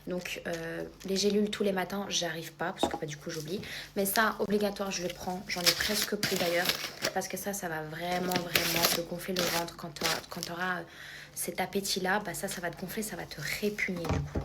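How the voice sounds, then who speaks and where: A woman's voice: lowish voice, fairly even intonation, fairly quick. A woman influencer talking casually and informally to her followers as she promotes products. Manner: chatty, informal, addressing followers directly. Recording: clear background noise.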